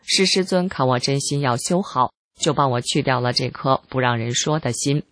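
A reader giving scripted narration of a first-person article in a calm, measured, even way. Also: medium pitch, no echo.

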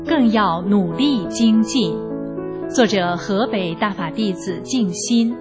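A woman radio announcer introducing a reading in a slow, formal manner. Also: mid-range voice. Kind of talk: scripted announcement. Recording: music bed under the voice.

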